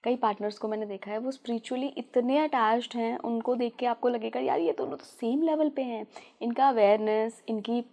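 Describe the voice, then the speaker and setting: Woman, podcast host, slightly high voice, mellow, long polite questions. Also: normal speed, hardly any pauses. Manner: asks long, detailed questions, addresses guest as ma'am.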